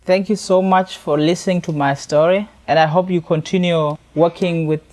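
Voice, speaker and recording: South sudanese guy, young, talks slow and earnest, bit higher voice. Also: steady tone, a little mellow. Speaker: speaker sharing a personal story. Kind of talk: earnest personal testimony.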